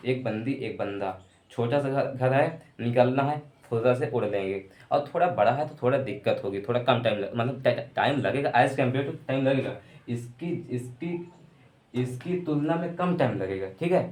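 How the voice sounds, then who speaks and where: A man's voice: medium pitch, a little mellow. A man teaching an online chemistry lecture, going over points again and again and asking rhetorical questions with homely examples. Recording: echoey room.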